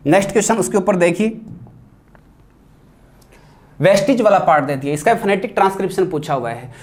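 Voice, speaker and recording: A man teaching an exam-prep grammar class, posing questions and answering them himself and mixing English terms into his explanations. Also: high-pitched.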